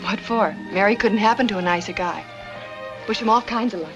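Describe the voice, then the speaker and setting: A woman's voice: medium pitch, a little fast, highs cut off, close to an everyday voice. An actress playing a wry female friend who teases in a dry way. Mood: teasing. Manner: teasing, dry. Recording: old film soundtrack with music.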